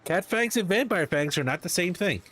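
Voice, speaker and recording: A man's voice: high voice, animated, normal speed, a bit bright, slightly rough. A man casually bantering over a game in an argumentative, teasing way.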